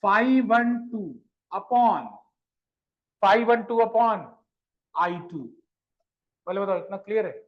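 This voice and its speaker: High-voiced man teaching physics to a class. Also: slow pace, long pauses. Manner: asks questions and repeats them, coaxing pupils; addresses students fondly as children. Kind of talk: classroom lecture. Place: classroom with students. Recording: dull lo-fi sound.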